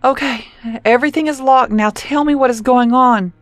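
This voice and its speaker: A woman's voice: a little high, measured pace, darkish tone, no echo, soft background music, voice pushed up. A woman reading a horror story, voicing a frightened teenage girl who pleads breathlessly for help.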